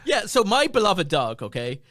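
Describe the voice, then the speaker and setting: A man's voice: sits high, wildly swooping pitch, normal speed, a bit bright, a little hiss or hum. A man hosting a casual panel chat, playfully teasing as devil's advocate.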